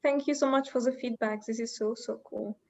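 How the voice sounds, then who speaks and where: A woman's voice: fairly high pitch, fairly even intonation, a little fast, creaky, darkish tone. A woman hosting a casual online group discussion, upbeat and thanking participants, with frequent restarts. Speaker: host. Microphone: video call. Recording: dull lo-fi video call audio.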